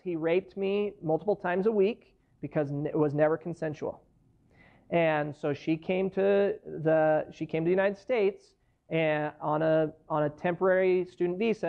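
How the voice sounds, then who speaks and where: A man's voice: on the high side, gravelly. A man in his thirties, an immigration lawyer, giving a conversational classroom lecture from a lectern and explaining through worked case examples. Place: university lecture hall, standing at a lectern. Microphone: far camera in the room. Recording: dull lo-fi classroom recording.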